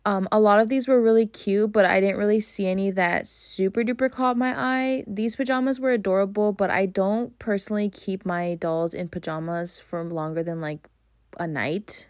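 A young woman talks through a shop-with-me voice-over for her doll-collecting channel. She sounds chatty and enthusiastic, dropping casual slang. Her voice sits in a middling pitch. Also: steady tone, moderate pace.

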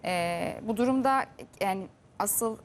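A woman's voice: mid-range voice, a little slow, a little hiss or hum. Woman news presenter pressing her guest. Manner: pressing questions on behalf of viewers. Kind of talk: TV news interview. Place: TV studio.

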